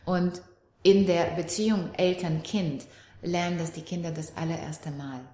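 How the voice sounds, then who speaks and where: Calm, reflective woman in an echoey room. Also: on the low side, measured pace. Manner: calm, reflective, animated when quoting her daughter. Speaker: guest, parenting and relationship coach. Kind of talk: conversational interview. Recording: roomy echo.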